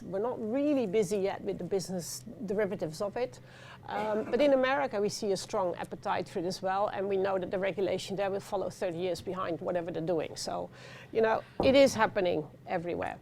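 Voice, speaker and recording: A middle-aged Dutch woman with a Dutch accent speaking on a conference panel, animated, with many fillers and restarts. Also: mid-range voice, gravelly, slight background noise. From Netherlands. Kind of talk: panel discussion talk. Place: conference venue.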